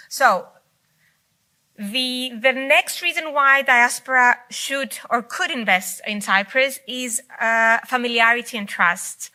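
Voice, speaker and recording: A Greek-speaking woman gives an improvised keynote at a conference, filling her talk with hesitations and restarts. Speaking in a hall, she sounds fairly high-pitched, bright, and forceful.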